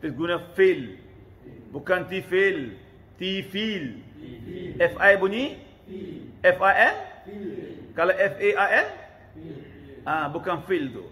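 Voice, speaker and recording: A man with a Malaysian Malay accent teaching Quran pronunciation, slowly chanting verse fragments and repeating single sounds to correct them. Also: sits high, animated, sharp tone, a little hiss or hum. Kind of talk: talaqi pronunciation lesson, modelling and chanting verses.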